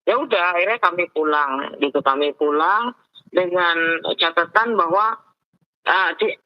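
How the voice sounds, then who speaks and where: An indignant woman lawyer recounts her case in a forceful, lecturing voice. Her words come through a dull, lo-fi phone line that flattens the sound. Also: lowish voice, measured pace. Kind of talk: heated phone interview account.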